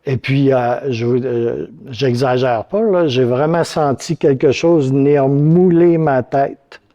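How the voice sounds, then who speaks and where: A man's voice: medium pitch, takes it slowly, warm tone, muffled recording. A man with a Quebec French accent preaching a sermon, telling a personal story in a casual, rambling way with many fillers. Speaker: pastor.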